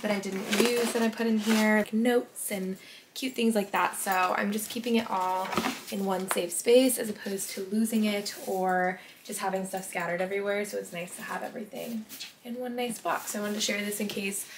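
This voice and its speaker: A woman in her twenties, a lifestyle vlogger, chats casually and upbeat while organizing the closet in her small bedroom, using "like" and "literally" a lot as she narrates. Filmed on a nearby camera, her mid-range voice keeps a steady tone and moderate pace, with reverb and a noisy background.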